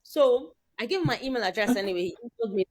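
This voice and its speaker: A fast-talking Nigerian woman with a fairly high-pitched voice co-hosts a casual chat. She spins animated stories, relaying plenty of quoted dialogue along the way.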